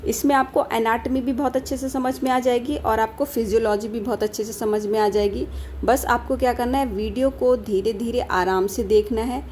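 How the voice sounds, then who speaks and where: A woman from India teaching a casual lecture, talking quickly and checking in with her students after almost every point. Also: on the high side, steady tone, a little mellow, a little hiss or hum. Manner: talks fast, with a rhythm that speeds up as she teaches; keeps asking and answering her own questions, peppered with "theek hai" checks. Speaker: pharmacy tutor.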